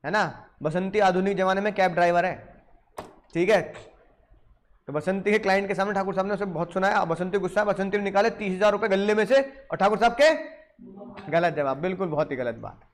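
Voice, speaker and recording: Brief: middle-aged Indian male law teacher, higher voice, lively storytelling lecture style. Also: a little fast. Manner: animated storytelling with film examples, asks students questions.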